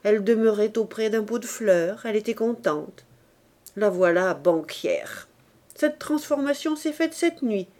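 A woman's voice: medium pitch, lively intonation, measured pace, a little mellow, close to an everyday voice. A woman reading the part of a cynical drunken young man in an audiobook, ranting bitterly in a declamatory way.

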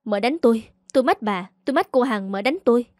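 A woman voicing a young female maid in a storybook reading, pitching her voice higher than her narration and stammering when the maid is scared. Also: animated, fast, a little mellow, no echo, clean studio sound, close to an everyday voice. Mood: panicked pleading.

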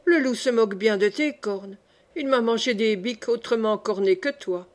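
A worried, good-hearted goat farmer, as a woman reads him in a storybook voice that sits fairly high. He frets, coaxes and scolds in anxious bursts, and his voice stays close to the reader's own. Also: normal speed, close to an everyday voice. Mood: coaxing. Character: fretful, kindly male goat farmer. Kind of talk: audiobook reading.

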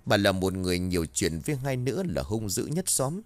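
Low-voiced man telling a ghost story. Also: fairly quick, dry recording. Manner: expressive storytelling. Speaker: narrator. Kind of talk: scripted ghost story narration.

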